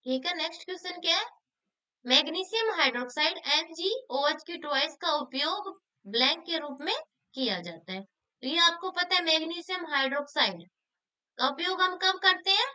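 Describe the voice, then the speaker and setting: A woman's voice: high-pitched, sharp tone. A woman teacher, explaining exam questions and answering her own questions. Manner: asks questions then answers them herself; repeats key answers for emphasis.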